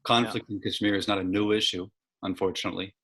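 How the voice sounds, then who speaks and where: A man hosting an interview, asking measured questions and rephrasing them carefully as he goes. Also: lowish voice, steady tone, a bit bright, slightly rough.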